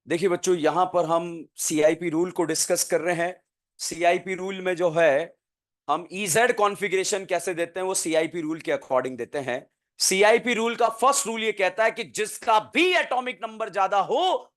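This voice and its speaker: A man teaching a chemistry class, asking the students quick questions and answering them himself, then dictating notes word by word. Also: high-pitched, a bit bright. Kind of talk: classroom lecture.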